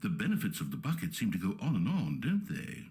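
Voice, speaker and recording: A smug, all-knowing game narrator talks in a dry, mock-soothing tone. His pitch swings widely from low to high, drawing out words for ironic effect. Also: huge pitch swings, brisk, darkish tone, a little hiss or hum, heavily acted. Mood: sardonic. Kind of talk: scripted video game narration.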